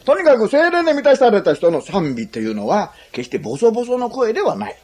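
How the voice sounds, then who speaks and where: Husky, lively Japanese preacher man. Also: high voice, fast talker. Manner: chatty and humorous, often adds a questioning "ne"; asks the listeners questions. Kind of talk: sermon to a congregation.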